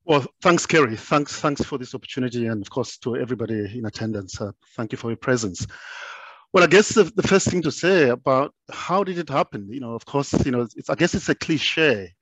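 A man, a professor, answering an interview question on a headset from his office, relaxed with fillers. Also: mid-range voice, a little fast, slightly rough, no room sound. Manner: relaxed, starts with fillers like you know. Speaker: professor and guest. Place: office indoors.

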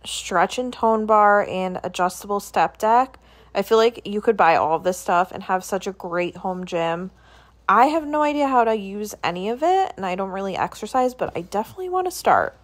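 A woman's voice: mid-range voice, lively intonation, moderate pace. Woman, casual shopping vlog, chatty item-by-item listing, phone-recorded in a store. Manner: chatty, listing items and prices. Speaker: shopping vlogger. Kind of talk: casual product walkthrough. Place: indoors in a grocery store.

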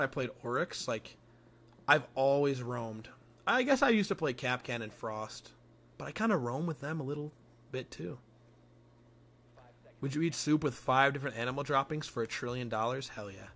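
A man's voice: mid-range voice, lively intonation, normal speed, pauses often, fairly bright tone. A young man chatting casually as a game streamer in a crude, slangy frat-bro manner with lots of swearing. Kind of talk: casual livestream gameplay chat.

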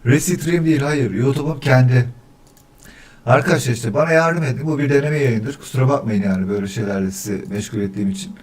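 A man's voice: mid-range voice, quick pace, a little mellow. Male streamer, casual and chatty; counts weekdays for mic checks and gets irritated with his setup. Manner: easily annoyed, grumbling about echo. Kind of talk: casual livestream chat.

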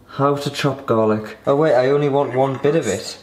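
In this casual cooking vlog, a young man bumbles through a recipe at home, talking easily and poking fun at his own confusion. He speaks at normal speed in a mid-range, slightly mellow voice. Audio quality is poor and kitchen sounds carry in the background.

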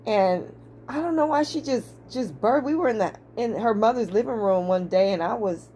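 A woman's voice: fairly high pitch, moderate pace, slight background noise. Chatty woman telling a story. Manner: chatty, repeats and restarts words, animated storytelling. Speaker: vlogger. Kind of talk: casual storytelling to camera.

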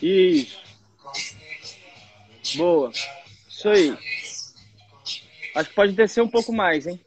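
A man's voice: high-pitched, expressive, slow pace, a little mellow, highs cut off, faint music behind. A man coaching a workout, encouraging and calling out rep counts. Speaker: personal trainer.

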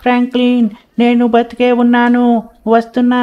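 A woman voicing an excitable young boy in a cartoon-style game voiceover, calling out to his friends, on dull lo-fi audio. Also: fairly high pitch, normal speed, clear, resonant tone, close to an everyday voice. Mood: eager. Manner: excited, calls out constantly.

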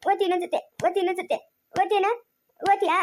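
A woman's voice: very high voice, little pitch movement, fast, a little mellow, a little hiss or hum. A woman playing a harsh village mother who scolds her young son with repeated questions, in a family drama. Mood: scolding. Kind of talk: amateur family drama acting.

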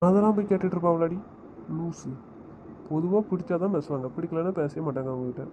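A man's voice: fairly high pitch, quick pace, background noise. A man talking with his wife on a phone call, teasing her and giving bossy instructions. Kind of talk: casual phone conversation.

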